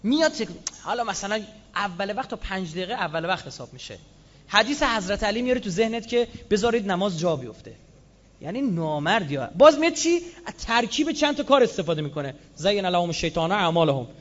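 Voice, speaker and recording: A man delivering a lively religious sermon, switching between recited scripture and casual, joking asides. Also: high voice. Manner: animated, with Quranic quotes and colloquial asides. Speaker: religious speaker. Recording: slightly dull lo-fi sound.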